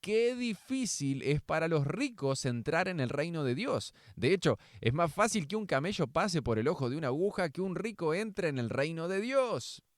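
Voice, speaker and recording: A man voicing Jesus as a calm, authoritative male teacher, speaking gravely and in a measured way. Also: a little high, no echo, studio quality, voice pushed up. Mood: solemn teaching.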